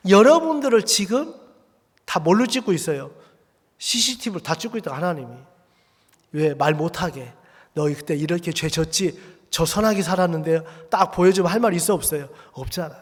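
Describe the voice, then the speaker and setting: Male pastor, lively sermon, rhetorical questions, ringing church hall. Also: high-pitched. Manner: animated preaching, rhetorical questions to the congregation; acts out quoted voices in a raised, slowed delivery. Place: church sanctuary. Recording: long hall reverb.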